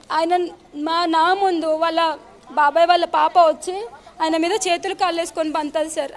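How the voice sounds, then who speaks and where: A young woman giving emotional interview testimony to a reporter, pleading and addressing him respectfully. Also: sits high. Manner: pleading, repeatedly addresses the listener as sir.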